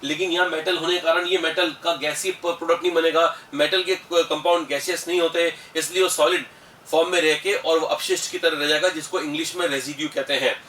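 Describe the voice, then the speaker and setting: A high-pitched, bright-toned middle-aged man with an Indian accent lectures on chemistry in a patient, explanatory way, calling his students beta. He is recorded in an echoey room from some distance off the mic, with a faint hiss behind him. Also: fairly even intonation, brisk. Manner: explanatory, addresses students as beta, mixes English terms. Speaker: chemistry teacher. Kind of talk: classroom lecture.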